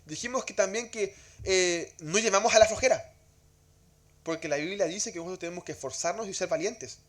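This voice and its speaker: A man's voice: high voice, a little fast. A man teaching a church Bible class in a conversational way, asking rhetorical questions and often repeating words as he goes.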